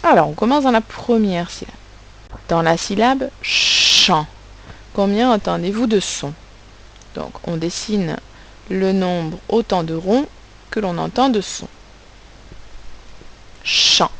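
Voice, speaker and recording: A woman teacher giving a recorded phonics lesson to children, articulating sounds and syllables slowly and with care. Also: medium pitch, expressive, vocal fry, darkish tone, slight background noise, low-quality recording. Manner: slow, carefully articulated, stressing sounds and syllables. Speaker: primary school teacher.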